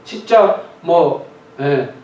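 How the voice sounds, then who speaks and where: A man's voice: a little high, lively intonation, drawn-out words, warm tone, muffled recording. A male pastor preaching a sermon, telling the story vividly and dramatically. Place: church sanctuary. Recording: echoey church hall, distant mic.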